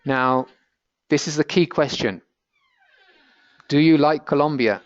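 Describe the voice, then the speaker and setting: In this webinar, a man from Britain speaks with a British accent and a fairly high pitch, teaching a language lesson in an encouraging, patient way at a slightly slow pace. There's no room sound, and the high frequencies are cut off.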